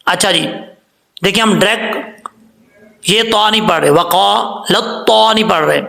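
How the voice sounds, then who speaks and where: A man teaching Quran recitation, patiently spelling out syllables slowly and chanting the verses. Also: high-pitched, gravelly, pushed and bright. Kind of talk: tajweed lesson, spelling out and reciting words slowly.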